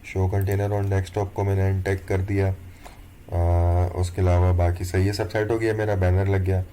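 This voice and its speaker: A man's voice: low voice, moderate pace, slight background noise. A young man teaching an online course over a screen recording, talking step by step and checking in often with the viewer. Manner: relaxed, step-by-step, keeps checking in with "theek hai". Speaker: course instructor. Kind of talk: screen-recorded tutorial walkthrough.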